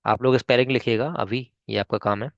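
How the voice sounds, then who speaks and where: A man's voice: medium pitch, fairly even intonation, brisk, creaky, dry recording, dull audio. A man with an Indian accent teaching spoken English online, breaking long words into syllables and checking in often with his students. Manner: patient, repeats "ठीक है?" often, spells words syllable by syllable.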